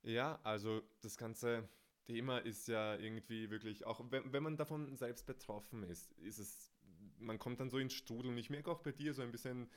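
A man's voice: medium pitch, fairly even intonation, moderate pace. A man hosting a conversation, asking empathetic, questioning follow-ups. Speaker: host. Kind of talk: conversational interview.

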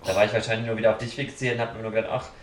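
A man's voice: fairly low pitch, flat delivery, rapid-fire. Blunt, dramatic man, roomy and distant. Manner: blunt, dramatic storytelling with acted quotes. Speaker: podcast guest. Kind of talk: casual chat. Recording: roomy sound from off the mic, faint noise.

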